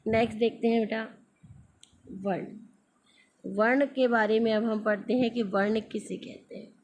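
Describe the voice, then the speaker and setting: A woman's voice: on the high side, steady tone, moderate pace. Patient woman teaching a grammar lesson. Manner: patient teacherly tone, addresses students as "beta", asks and answers her own questions. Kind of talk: screen-recorded classroom lesson.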